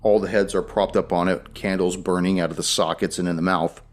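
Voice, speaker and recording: A man's voice: sits low, steady tone, brisk. A man narrating a tabletop role-playing game as game master, guiding players through rules and scenes.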